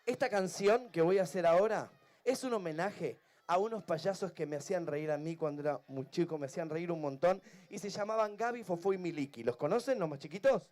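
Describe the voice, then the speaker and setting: A man's voice: high voice, fairly quick, a little mellow. A man with an Argentine Spanish accent, a children's entertainer chatting playfully with a crowd at an outdoor event. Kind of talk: live stage banter with a crowd.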